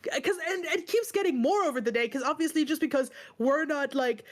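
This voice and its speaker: A woman with a high voice and a brisk pace co-hosts a book club stream and uses a casual chat to vent. Stressed and upset, she rambles with emphasis and exasperation, swearing as she talks.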